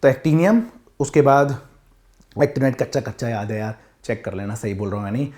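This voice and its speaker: Man, chemistry teacher, lively classroom lecture, speaks straight to his students, mellow voice, classroom with board. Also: mid-range voice, normal speed. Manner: lively, addresses students directly.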